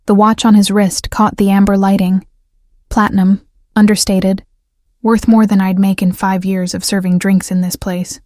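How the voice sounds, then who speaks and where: A woman narrating a first-person romance story in an even, measured scripted delivery. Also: mid-range voice, dry recording, studio quality.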